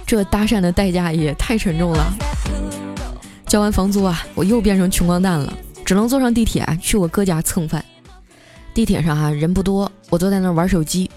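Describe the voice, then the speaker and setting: A young woman host telling a comic story in a chatty way, stretching her sentences with drawn-out particles. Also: lowish voice, warm tone. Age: young adult. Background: faint background music.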